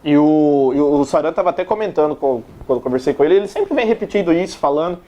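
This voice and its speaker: A man hosts a studio sports chat, chatty and loose as he reads out viewer comments. His voice sits a touch high yet sounds mellow and dark. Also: animated, fast. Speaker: sports show host.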